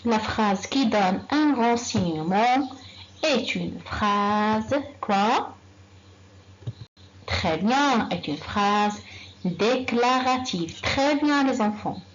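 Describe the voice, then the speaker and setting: A woman teaching a grammar lesson to young children, slow and patient, repeating sentences and quizzing the class. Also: a little high, lively intonation, muffled recording, slight background noise. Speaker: primary school teacher.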